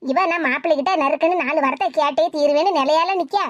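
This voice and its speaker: A woman's voice: high voice, fast talker, no echo, clean studio sound, natural voice. A woman voicing a worried older mother who keeps trying to make peace, speaking Tirunelveli Tamil. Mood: fretful. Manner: pleading, soothing, fretful asides. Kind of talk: cartoon voice acting.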